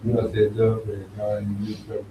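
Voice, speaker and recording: A man's voice: fairly low pitch, completely flat delivery, fast, echoey room, recorded from a distance, muffled recording, noisy background. A man giving an earnest testimony to a recovery group, filling his talk with "man" and "bro". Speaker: recovery house resident.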